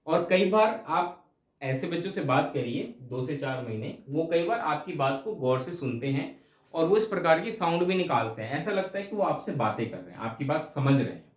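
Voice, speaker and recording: A male teacher gives an explanatory exam-prep lecture, going back over each point and often checking in with his students. His voice is on the high side and expressive, at a normal speed, with reverberant sound.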